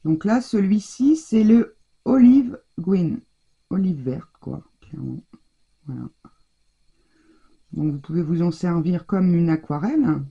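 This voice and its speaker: A woman with a husky, gravelly voice talks her viewers through a hands-on craft demonstration. Her tone is very dark and mellow, and she chats loosely, restarting and trailing off as she works. The feel is relaxed and conversational. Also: on the low side, takes it slowly, long pauses, dull audio. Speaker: craft tutorial host.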